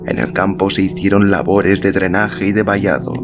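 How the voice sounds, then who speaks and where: An audiobook-style podcast narrator, a man with a low voice, reads a literary story as scripted narration at normal speed with fairly even intonation. Instrumental music plays beneath his voice.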